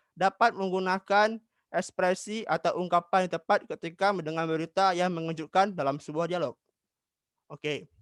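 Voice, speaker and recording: High-voiced young man teaching a class. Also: dry recording, clean studio sound. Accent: Indonesian. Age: young adult. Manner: mixes English and Indonesian, frequent "ah" fillers. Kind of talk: micro-teaching English lesson.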